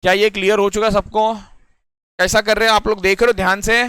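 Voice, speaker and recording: Bright-voiced male tutor, talking dry and close. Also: high-pitched, little pitch movement, a little fast, clear, resonant tone, no echo. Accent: Indian English mixed into Hindi. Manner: explains step by step, often checking if students follow. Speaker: teacher. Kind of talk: classroom lecture on reasoning puzzles.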